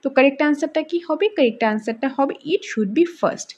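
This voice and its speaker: A woman teacher with a high voice works through an exam practice set. She reads each English option slowly and deliberately, then explains it in a conversational tone. The recording sounds dull and lo-fi. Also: lively intonation, a little mellow.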